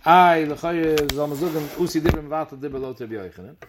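A man's voice: on the high side, a little fast, noisy background. Yiddish-accented man teaching Talmud. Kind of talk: Talmud lesson explaining a page.

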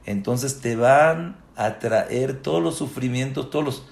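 A man's voice: unhurried, vocal fry. Impassioned preacher man, echoey room. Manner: swings from low murmurs to impassioned shouts; rhetorical questions, repeats words for emphasis. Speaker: rabbi. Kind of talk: Torah sermon.

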